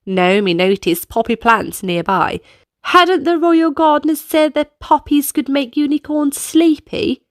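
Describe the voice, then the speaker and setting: This woman's voice is on the high side as she reads a children's storybook and coaches young listeners through dance moves. She teaches with clear pacing, and the clean studio audio has no echo.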